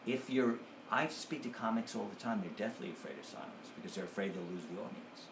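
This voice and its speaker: Low-voiced man telling stories at ease. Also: vocal fry. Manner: unhurried storyteller who acts out quotes. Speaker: comedian guest. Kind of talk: casual interview chat. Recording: echoey room with background noise.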